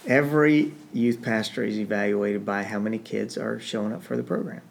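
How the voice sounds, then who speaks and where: A man's voice: lowish voice, fairly even intonation, a little fast, vocal fry. A man answering interview questions, thoughtfully explaining his ideas aloud. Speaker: interview guest, youth ministry author.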